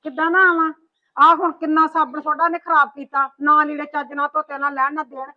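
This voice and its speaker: A woman's voice: high-pitched, level tone, a little fast. A woman playing a complaining mother-in-law in a family drama, scolding as she talks. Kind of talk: amateur family drama acting. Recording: dull lo-fi recording.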